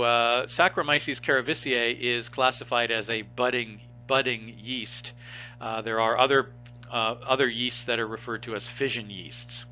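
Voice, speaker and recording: A man's voice: medium pitch, pushed and bright, highs cut off, a little hiss or hum. A man teaching a biology class, explaining step by step and asking his students rhetorical questions as he goes. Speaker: biology instructor. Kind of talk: recorded lecture.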